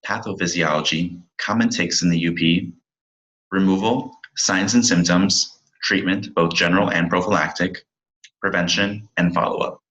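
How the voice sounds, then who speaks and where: A man's voice: low voice, fairly even intonation, moderate pace, a bit bright, dull audio. A young man in his twenties, a pharmacy student, giving a recorded slide presentation and reading from his slides with small slips and restarts.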